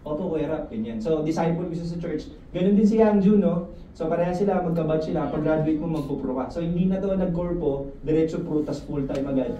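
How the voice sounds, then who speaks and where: Joking sales manager in an echoey room. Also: male voice, a little high, fairly quick, muffled recording. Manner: lively, joking, keeps asking the room questions. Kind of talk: motivational talk to a sales team. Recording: echoey room, mic at a distance, faint noise.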